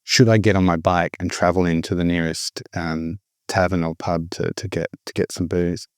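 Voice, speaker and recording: A middle-aged man born in the Philippines and raised abroad, appearing as a guest to tell his personal recovery story. His deep voice barely moves in pitch and flows smoothly at a moderate pace, and he speaks candidly and reflectively with frequent restarts. The recording is dry, with clean studio sound.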